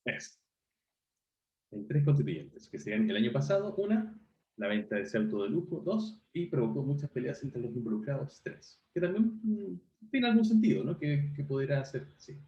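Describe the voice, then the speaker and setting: Male teacher on a video call, mellow voice with a lively, animated pitch, often asking whether his students follow; the audio sounds roomy and dull. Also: normal speed. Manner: questioning, checks understanding often. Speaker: university teacher. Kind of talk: online class review.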